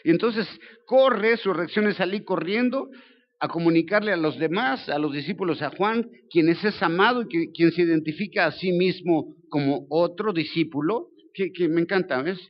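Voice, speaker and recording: Older Mexican pastor, slightly high voice, humorous slangy preacher, muffled lo-fi church recording. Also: male voice, normal speed. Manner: colloquial, joking, lively storytelling. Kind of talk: sermon.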